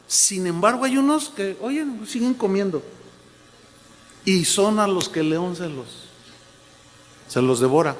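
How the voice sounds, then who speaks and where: Emphatic pastor in echoing hall. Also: male voice, high-pitched, a bit bright. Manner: emphatic preaching, repeats phrases, quotes people in changed voices. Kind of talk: sermon. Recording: long hall reverb.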